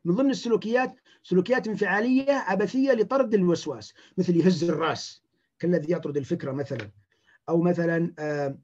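A man, a clinician giving a lecture, talking in an animated way and acting out the words of patients. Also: high-pitched, fast, lo-fi sound.

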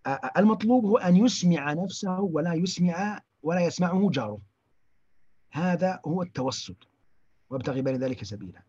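A man giving a religious lesson, halting often and restarting his words. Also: a little high, animated, darkish tone, husky, lo-fi sound. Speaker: religious teacher.

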